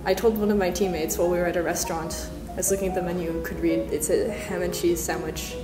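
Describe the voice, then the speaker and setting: A teenage girl with a fairly low voice tells a casual story in an interview. Her voice sounds roomy, and music plays underneath. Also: steady tone, fast. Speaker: student competitor. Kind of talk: interview answers.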